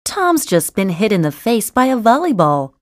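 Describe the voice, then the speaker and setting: A woman voicing the female parts of a school listening test, clearly enunciated and conversational. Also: mid-range voice, sing-song, normal speed, no echo. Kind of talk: scripted test dialogue reading. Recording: dry studio recording.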